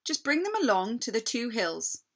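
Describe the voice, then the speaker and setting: A woman's voice: fairly high pitch, big pitch swings, normal speed, pitched above the performer's own voice. A woman voicing a queenly witch, slyly sweet and coaxing, in a commanding storybook manner. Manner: commanding, wheedling.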